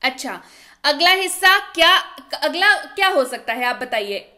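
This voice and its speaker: A young woman from India teaching spoken English in an online lesson, asking and answering her own questions and repeating examples slowly. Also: high-pitched, animated, bright, forceful tone. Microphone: voice-over over slides.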